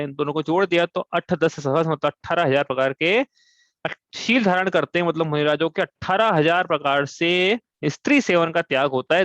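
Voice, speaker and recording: A man leads a scripture class, breaking the text down point by point and putting questions to his listeners before answering them himself. His voice sits a little high for a man. The recording is close and dry but a bit dull. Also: fairly bright tone, no room sound. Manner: explains step by step, asks and answers own questions; chants verses slowly. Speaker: religious teacher.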